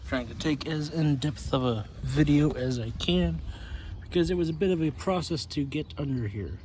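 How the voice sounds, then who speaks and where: A man's voice: fairly high pitch, normal speed, darkish tone, a little hiss or hum. A man giving casual, rambling how-to commentary on his own repair job, with loose, self-deprecating asides. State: out of breath. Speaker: channel host.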